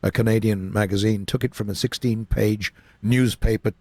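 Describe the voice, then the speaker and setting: A man's voice: fairly low pitch, fairly even intonation, normal speed, darkish tone, no echo. An older man telling dry, wry anecdotes in a casual chat. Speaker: voice narrator guest.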